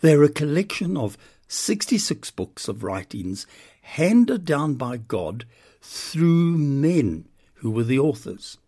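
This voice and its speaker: A man's voice: fairly high pitch, big pitch swings, slow, dark tone. An older man giving an earnest, emphatic devotional sermon on a podcast, lingering on key words. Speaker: podcast preacher.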